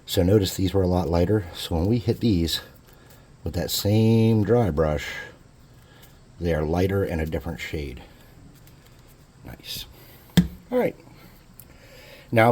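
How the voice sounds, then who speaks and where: A man's voice: low-pitched, moderate pace, long pauses, warm tone, husky. A man hosting a casual hobby crafting tutorial, chatting in a laid-back, jokey way as he works. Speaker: crafting channel host.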